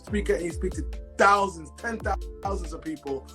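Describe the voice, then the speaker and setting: A man's voice: high voice, normal speed, sharp tone, soft background music. A man hosting a casual interview, eager and enthusiastic, full of "like" and "you know". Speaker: host, life coach.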